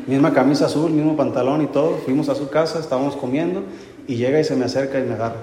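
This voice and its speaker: A male pastor with an ordinary male pitch preaches a sermon in a relaxed, conversational manner, racing along and slipping in humorous anecdotes. A roomy, long church-hall reverb surrounds him, along with faint background noise.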